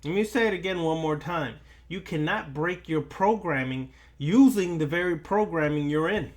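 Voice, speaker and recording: In a fairly high-pitched voice, an occult lecturer preaches an esoteric lesson. He talks in deliberate, halting bursts, pausing at length and repeating his key lines for emphasis.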